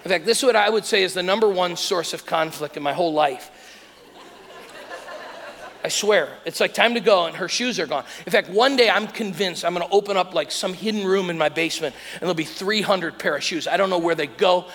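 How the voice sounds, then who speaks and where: Male pastor, 30s, sermon, storytelling, hushed then exclaiming, slightly high voice, long hall echo. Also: brisk, some chatter behind. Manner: animated storytelling, swings between soft lows and loud exclamations.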